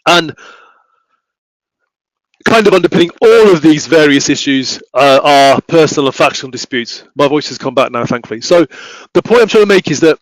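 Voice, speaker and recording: A man giving an academic talk, speaking haltingly with many restarts and fillers. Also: a little high, expressive, no room sound, low-quality recording. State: voice failing, coughing. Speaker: academic researcher presenting.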